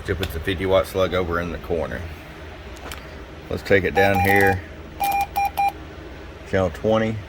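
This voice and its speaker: He has a deep voice, speaks a little slowly and leaves long pauses. Playing a radio technician presenting tune-up reports, he demonstrates a product to a customer in a folksy, casual, unscripted manner. The recording carries a clear, steady hum and noise.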